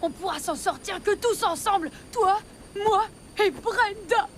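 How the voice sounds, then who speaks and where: A woman voicing an excitable, scheming cartoon pilot with a pleading, theatrical delivery. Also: extremely high pitch, a little slow, a little hiss or hum. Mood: conciliatory. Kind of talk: French animated cartoon acting. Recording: music behind the voice.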